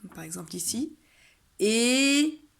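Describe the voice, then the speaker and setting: A woman teacher patiently explaining a phonics exercise to parents, saying example words loudly and slowly. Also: mid-range voice, vocal fry. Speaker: kindergarten teacher. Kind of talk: home-schooling video lesson for parents.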